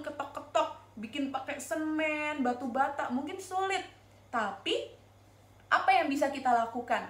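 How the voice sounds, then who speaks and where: A woman with an Indonesian accent teaching Sunday school, telling a story to young children in an animated, sing-song way and asking them questions. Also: sits high, reverberant.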